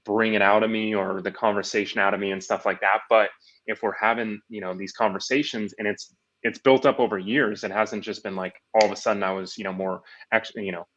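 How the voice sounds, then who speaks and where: A man with a lowish voice hosts an interview, circling his thoughts with hesitant, rambling phrasing. His audio sounds dull and lo-fi, as if it were picked up through a weaker mic. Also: fairly bright tone. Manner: rambling, hesitant, full of filler words. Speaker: podcast host. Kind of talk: casual interview chat.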